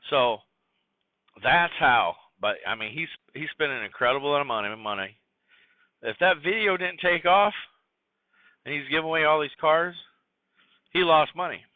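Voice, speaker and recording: A man's voice: on the high side, normal speed, long pauses, no echo. A man hosting a casual solo podcast, rambling and scattered with many fillers and restarts. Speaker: podcast host. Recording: tinny phone-like dry recording.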